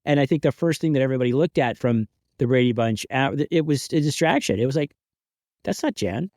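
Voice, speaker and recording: A man co-hosting a podcast in casual chat, talking quickly with many asides. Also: mid-range voice, darkish tone, no room sound, clean studio sound. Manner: chatty, quick, many fillers and restarts. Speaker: podcast co-host.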